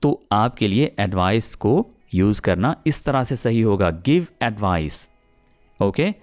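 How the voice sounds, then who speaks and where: This English teacher, a Pakistani man, uses lively intonation, his pitch moving up and down a great deal while he checks that learners understand. He repeats his example sentences slowly and patiently, often adding "theek hai?", and soft music plays in the background.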